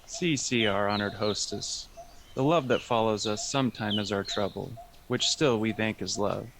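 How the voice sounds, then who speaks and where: A man's voice: lowish voice, moderate pace, close to an everyday voice. A man acting a gracious, trusting old king who speaks courtly, formal Shakespearean verse in a student radio play. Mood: courteous, pleased. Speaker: student actor. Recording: clear background noise with birdsong. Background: birdsong.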